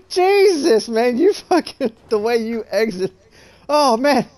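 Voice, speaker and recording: A woman's voice: on the high side, sing-song, slow pace, a little mellow, a little hiss or hum. Foul-mouthed laughing woman gamer. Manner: swears constantly, laughs and yelps in surprise. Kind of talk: gaming chat with a friend.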